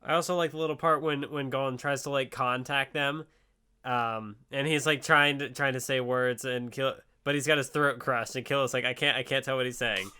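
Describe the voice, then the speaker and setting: A man's voice: mid-range voice, fairly even intonation, moderate pace, pushed and bright, clean tone. A man co-hosting a podcast in casual chat, chiming in and agreeing. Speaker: podcast co-host.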